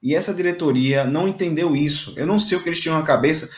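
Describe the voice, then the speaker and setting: A man's voice: a little high, fast, reverberant. A man, talking as a football commentator on a fan debate show, emphatic and indignant, often repeating words.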